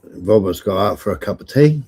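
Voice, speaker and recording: A man's voice: lowish voice, animated, fairly quick, mellow, breathy edge. A British man in casual chat, blunt and sweary, with a teasing streak. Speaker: live stream panellist.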